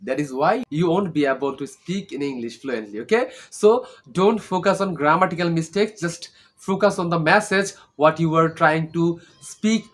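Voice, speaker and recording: A young native Bangla speaker from Bangladesh, an English learning vlogger, gives an earnest, informal English lesson in a Bangladeshi accent. His voice is on the high side and animated, at a moderate pace, and he keeps checking in with tag questions like "okay?"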